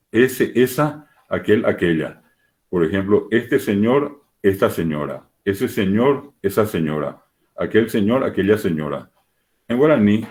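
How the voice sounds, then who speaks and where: A male teacher with a low, slightly mellow voice delivers a lecture, patiently working through examples and repeating them so learners can keep up. The audio sounds like it comes over a video call.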